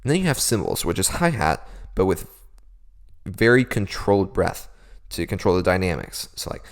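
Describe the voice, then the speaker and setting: A young man with a deep voice and a gravelly edge hosts a relaxed beatboxing tutorial. His pitch rises and falls a lot as he explains each technique, and he is quick to poke fun at his own skill. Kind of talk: casual vocal technique tutorial.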